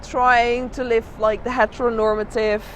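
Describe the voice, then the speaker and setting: High-voiced woman in an outdoor interview, street noise. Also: flat delivery, moderate pace. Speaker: drag artist being interviewed. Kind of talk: candid interview, reflective personal storytelling. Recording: noisy outdoor urban spot with traffic.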